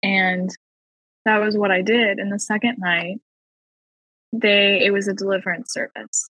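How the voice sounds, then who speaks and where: A woman with a husky, slightly breathy voice tells her personal faith testimony as a podcast guest. She speaks earnestly and slows down to lean on the words that matter. The sound is close and dry, with little room around it. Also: medium pitch, fairly even intonation, sharp tone, no echo, poor audio. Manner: earnest, slow and emphatic on key phrases.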